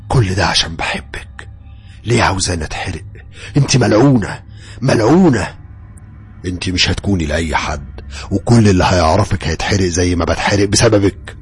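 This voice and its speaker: A man voicing the tormented burning ghost of a young man in a horror story, screaming accusations in raspy, anguished Egyptian Arabic. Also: lowish voice, fast, faint music behind. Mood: anguished, accusing.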